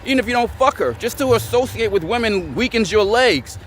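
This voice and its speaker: A man with a notably high voice delivers a blunt vlog rant, confrontational and preachy, repeating his lines for emphasis. Faint street and car noise hum behind him outdoors. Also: lively intonation, a little fast, a bit bright. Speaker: vlogger. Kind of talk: blunt motivational rant to camera.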